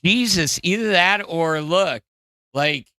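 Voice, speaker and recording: A man hosting a podcast in casual, profane commentary, animated and jumping between loud outbursts and mumbles. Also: sits high, slow, no room sound. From Wisconsin. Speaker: podcast host. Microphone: studio mic in front of green screen.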